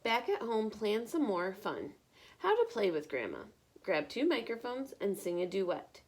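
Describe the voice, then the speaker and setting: A woman reads a picture book aloud the way a teacher would, expressive and encouraging, stopping now and then to ask the young listeners questions. Her voice is medium-pitched and husky.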